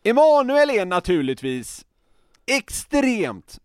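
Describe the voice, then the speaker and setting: A young man with a Swedish accent co-hosts a casual podcast. His voice sits high and swoops widely as he argues his point, emphatic and quick to laugh. The sound is close and dry. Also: clear, resonant tone, no echo. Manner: animated, emphatic, laughs often. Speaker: podcast co-host.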